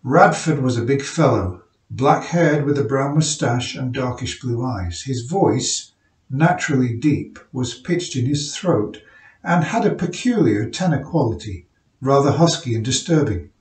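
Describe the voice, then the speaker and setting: A man reading a short story aloud in a measured, careful way. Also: medium pitch, animated. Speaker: amateur reader. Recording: roomy room, mic at a distance.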